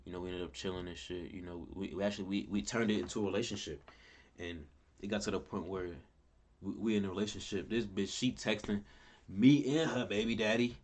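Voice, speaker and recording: A young man telling a rambling personal story in casual talk, repeating himself and cursing. His voice leaps higher and louder when he reacts. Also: steady tone, fast talker. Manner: pitch and loudness jump wildly when he quotes or reacts. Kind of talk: casual story time vlog. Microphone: camera mic at close range.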